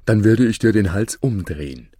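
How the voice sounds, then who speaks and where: A brash storybook hunter speaks boldly and briskly, a touch louder than the narrator who voices him. His pitch rises and falls with lively swings. The sound is dry. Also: husky, dry recording. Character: brash adult male hunter.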